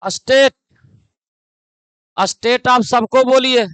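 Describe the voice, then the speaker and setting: Man, grammar teacher, very high voice, dry close sound, classroom lecture. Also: steady tone, takes it slowly, fairly bright tone, smooth, no echo, rough recording. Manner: scolds students in local dialect between explanations.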